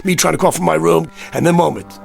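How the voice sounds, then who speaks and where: Over soft background music, another vintage radio drama performance features an actor as a desperate, agitated American man begging insistently in street slang, troubled and pressing. He talks fast in a gravelly, higher-leaning voice with fairly even intonation.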